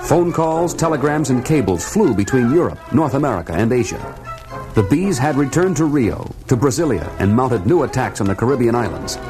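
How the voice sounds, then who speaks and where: A man plays a decisive reporter hero in an old radio show adventure. His medium-pitched voice swings widely as he tells of disaster with dramatic urgency, over background music. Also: big pitch swings, brisk, lightly acted, rough recording. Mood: brisk narration. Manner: dramatic storytelling delivery.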